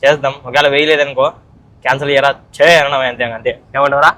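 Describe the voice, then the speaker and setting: A man's voice: medium pitch, little pitch movement, quick pace, bright, forceful tone. A young man narrating a casual vlog, chatty and teasing as he talks straight to viewers. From Andhra Pradesh, India. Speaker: vlogger.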